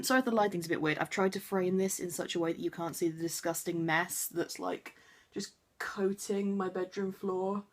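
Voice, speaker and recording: A young woman from Wiltshire, chatting to camera from her bedroom in a rambling, self-deprecating way. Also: on the low side. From Wiltshire, England. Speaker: vlogger. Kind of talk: casual chat to camera.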